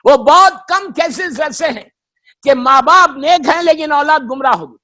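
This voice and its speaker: A male cleric delivers a fervent sermon in a strikingly high, forceful voice. He hammers his points through repetition, drops into English phrases and often climbs to a shout. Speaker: Shia cleric giving a memorial majlis. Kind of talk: impassioned sermon.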